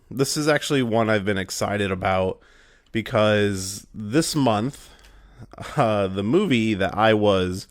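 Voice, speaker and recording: A young man hosts a podcast, his fairly low voice hoarse and raspy from a cold as he rambles through the intro with fillers and restarts. The studio-quality recording has no room sound.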